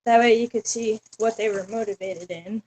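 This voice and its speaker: Young female student, friendly and explanatory, somewhat high voice. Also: fairly even intonation, moderate pace, darkish tone, breathy edge, rough recording. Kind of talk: casual group discussion.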